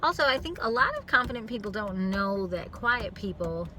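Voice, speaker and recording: A woman's voice: medium pitch, sing-song, moderate pace, noisy background. A woman songwriter talking to her camera in a car, rambling and playful, often stopping to rethink what she means. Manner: chatty, self-interrupting, playful. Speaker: songwriter vlogger. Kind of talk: rambling reflective monologue. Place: in a parked car.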